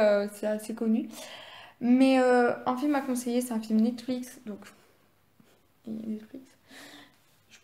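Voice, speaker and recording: Teen girl, 16, vlogging at home on her phone, highish voice, lots of ums and restarts. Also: warm tone. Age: teenager, 16. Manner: chatty and rambling, full of hesitations and restarts. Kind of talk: casual chat vlog. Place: at home during lockdown. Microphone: phone held at arm's length.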